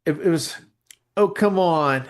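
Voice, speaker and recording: With a voice on the high side and a somewhat slow pace, this male musician co-hosts a laid-back podcast. He tends to ramble, speaks bluntly, and often gropes for words in the middle of sentences.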